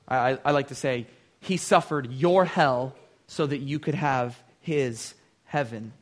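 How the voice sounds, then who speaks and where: Preaching man who slows for scripture. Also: fairly high pitch. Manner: repeats words when starting thoughts. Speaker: pastor. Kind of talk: sermon.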